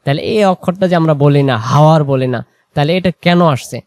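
A man's voice: on the high side, darkish tone, no room sound. Man teaching Quran reading, dry close sound. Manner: drawn-out chanting of example words, then quick plain explanation; asks and answers his own questions. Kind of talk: explanatory lesson.

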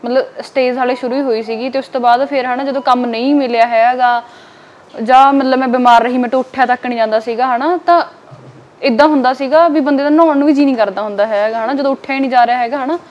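A woman's voice: sits high, fairly even intonation, a little mellow, muffled recording. A young woman from Punjab in India, speaking frankly as a guest in a casual interview and filling her talk with small tag words. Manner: quick, frank and plain-spoken, with many filler tags.

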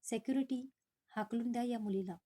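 A woman's voice: fairly high pitch, brisk, mellow, breathy edge. A woman voicing a stern, wealthy older father who speaks scornfully and accuses.

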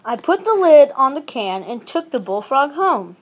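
With a voice that sits high and a normal speed, a woman gives an expressive read-aloud of a children's picture book. As the storybook reader she brings the dialogue and exclamations to life in an animated style.

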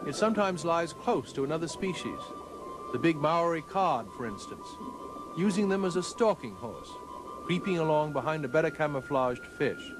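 A man delivers scripted nature documentary narration in a fairly high voice. His phrasing is measured and formal, in the manner of a storyteller. Music plays clearly behind him. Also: expressive. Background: background music.

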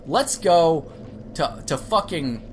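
A woman's voice: low voice, expressive, slow pace, a little mellow, a little hiss or hum. A woman giving gameplay commentary, ranting and swearing at herself and the game as she plays. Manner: profane, ranting, talks to herself. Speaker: let's play gamer.

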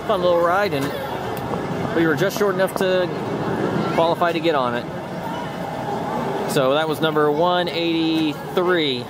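Amid a loud crowd and heavy background noise, a theme park vlogger with a slightly high voice narrates at a measured pace, leaving long pauses. He keeps his outdoor remarks short and matter-of-fact, recorded on the handheld camera's mic.

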